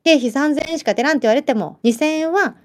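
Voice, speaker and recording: A woman with a Kyushu accent chatting casually as a livestream host, lively and laughing often while answering viewer comments. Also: high-pitched, fast talker. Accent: Kyushu Japanese. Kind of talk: casual chat.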